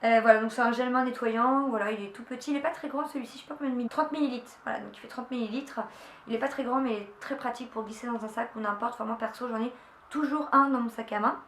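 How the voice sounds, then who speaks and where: Slightly high and a bit bright, a young woman's voice moves at a quick pace as she casually shows off a beauty haul from her room at home. She gushes with fillers and restarts, and the echoey space adds faint ambience and slight background noise.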